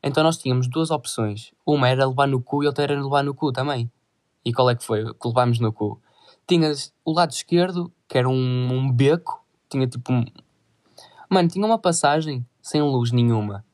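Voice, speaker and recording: Rich: A quick-talking teenage boy with a European Portuguese accent. He rambles through a story in crude slang and swears constantly. His voice sits in an ordinary middle pitch. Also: a little mellow. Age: teens. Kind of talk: casual storytelling.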